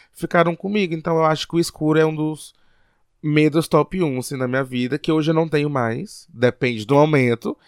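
A man's voice: mid-range voice, creaky, clear, resonant tone, no room sound, clean studio sound. Reflective man. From Piauí, Brazil. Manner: reflective, hesitant, thinks aloud. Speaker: podcast co-host. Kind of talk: casual podcast chat.

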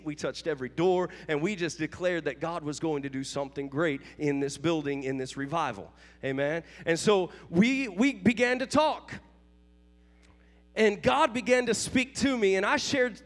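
A man's voice: high-pitched, in a large hall. A man pastor preaching a revival sermon in a church sanctuary, fervent, calling out to his congregation for amens. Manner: fervent preaching with call-and-response.

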